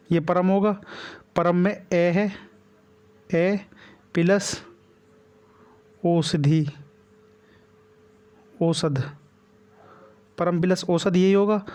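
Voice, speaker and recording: A man's voice: high-pitched, a little mellow, clear, resonant tone. A man with a Hindi accent teaching a grammar lesson for exam preparation, repeating each step and checking in with the class. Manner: repetitive, checks in with "ठीक है" constantly. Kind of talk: whiteboard exam-prep lesson.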